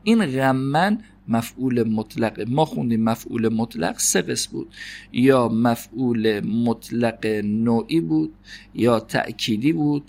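A man giving an Arabic grammar lesson. He reads the Arabic text slowly and explains it quickly, asking questions and answering them himself. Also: medium pitch, gravelly, a little mellow. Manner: slows down to read Arabic text, then explains quickly in Persian. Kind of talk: classroom lecture.

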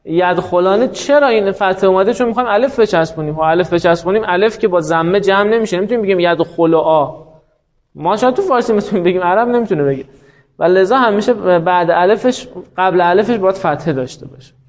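Higher-voiced male teacher lecturing. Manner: explains patiently, quizzes students, stretches quoted words. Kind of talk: classroom lecture on grammar. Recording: muffled lo-fi classroom recording.

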